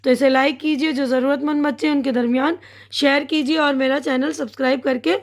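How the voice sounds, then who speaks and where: A high-pitched woman with an Indian Urdu accent teaches young children to read in an online lesson. She speaks patiently, slowly and clearly, often pausing to check that her listeners are following along. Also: steady tone. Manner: patient, slow and clear, with frequent "theek hai na" check-ins.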